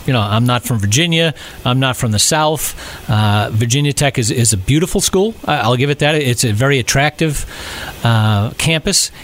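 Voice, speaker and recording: A middle-aged man from Rhode Island, co-hosting a casual sports podcast chat, talking haltingly with many fillers and restarts. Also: medium pitch, fairly bright tone, a little hiss or hum. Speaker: podcast co-host.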